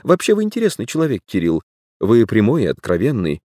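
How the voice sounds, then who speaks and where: A man reading an audiobook voices a cool young woman who asks measured, dry questions. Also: on the low side, huge pitch swings, mellow, no echo, voice pushed up. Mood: wry.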